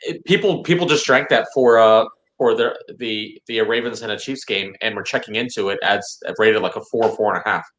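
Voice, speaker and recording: A man who is a brewery guest on a podcast, chatting casually and telling stories with animated delivery. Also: on the low side, fairly quick, hardly any pauses. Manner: animated storytelling, acting out other people. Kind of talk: casual chat. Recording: roomy echo.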